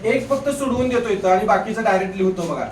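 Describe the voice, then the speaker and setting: A man with a high, light voice lectures a class on grammar, firing questions back at the students and coaxing them along. He is picked up from some distance in an echoey room, with a faint hiss underneath. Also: fast. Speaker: Marathi grammar teacher.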